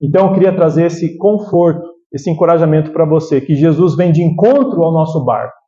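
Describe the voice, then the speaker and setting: A Brazilian pastor with a high but mellow voice preaches to his congregation. He keeps it conversational, often tagging his points with a quick question to the listeners. The recording sounds slightly dull and lo-fi. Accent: Brazilian Portuguese. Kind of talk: sermon.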